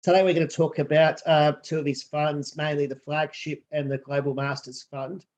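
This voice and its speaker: A man's voice: fairly high pitch, flat delivery, moderate pace, a little mellow. A man interviewing a guest, asking questions in a friendly, lightly hesitant way.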